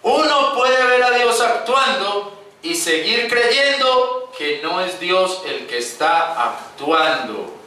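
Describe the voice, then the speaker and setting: Very animated yet taking it slowly, a man with a high, bright, forceful voice preaches to his brothers in the congregation, giving voice to the figures in the scripture. The church hall echoes, and he's picked up from afar.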